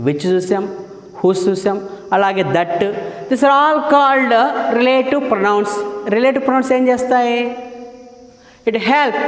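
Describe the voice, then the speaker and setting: A high-voiced male grammar teacher works through a lesson in a room with a board, posing questions to his listeners, answering them himself, and repeating key terms. He slows down when dictating English definitions. The room is echoey, with long reverb.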